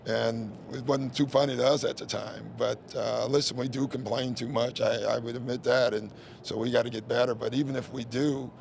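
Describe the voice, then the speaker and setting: A male head coach at a postgame press conference, speaking at a middling pitch with a gravelly edge. His delivery is candid and conversational, loose and full of "you know" and "listen" as he works through his answers. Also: fairly even intonation, a little fast, few pauses, slight background noise.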